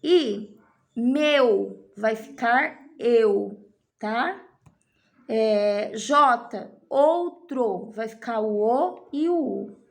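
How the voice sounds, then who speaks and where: A woman's voice: on the high side, animated, drawn-out words, creaky. A woman teacher guiding young children through a worksheet, patiently drawing out key words and checking in often. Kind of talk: primary school lesson walkthrough.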